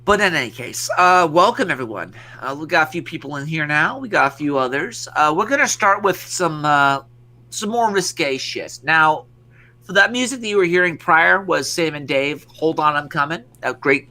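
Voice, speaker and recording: A man's voice: a little high, pushed and bright. A man hosting a podcast, ranting casually with lots of swearing and restarts. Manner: rambling, profane, many restarts. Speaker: podcast host. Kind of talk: casual profane podcast rant.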